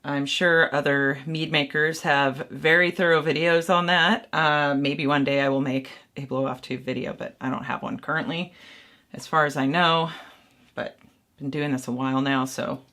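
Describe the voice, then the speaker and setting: A woman's voice: low-pitched, fairly even intonation, moderate pace, fairly bright tone. A woman making mead at home and casually talking the viewer through each step, rambling and poking fun at her own mistakes. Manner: rambling, self-deprecating, thinking aloud. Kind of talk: casual how-to vlog.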